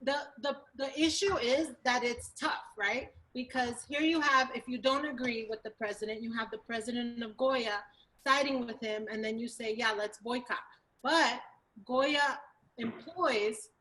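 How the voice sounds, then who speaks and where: A woman chatting on a video call during an online cooking class, animated, dropping Spanish phrases in. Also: on the high side, measured pace, poor audio. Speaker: class participant and panelist. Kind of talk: casual chat.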